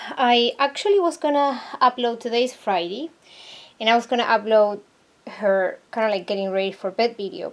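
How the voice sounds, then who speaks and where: A woman from Argentina talking casually to her viewers in a vlog, hesitant and searching for words, earnest and troubled. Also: a little high. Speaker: vlogger. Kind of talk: casual talk to camera.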